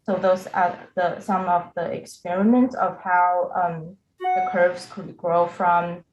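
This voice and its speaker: A woman's voice: lowish voice, level tone, slow, a little mellow, soft background music. Young woman on a hesitant video call. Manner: hesitant, with many filler "um"s and word restarts. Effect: heard over a video call. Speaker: student presenting remotely. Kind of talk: presenting a design project in a review. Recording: echoey remote call audio with faint noise.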